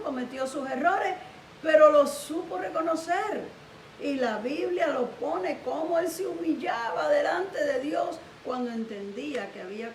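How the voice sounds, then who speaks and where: High-voiced woman pastor preaching. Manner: animated storytelling preaching. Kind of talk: sermon. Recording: echoey room, distant mic, faint hiss.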